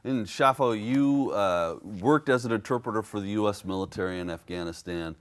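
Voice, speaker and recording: A man hosting a public affairs interview show, asking measured questions with frequent fillers. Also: fairly low pitch. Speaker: host.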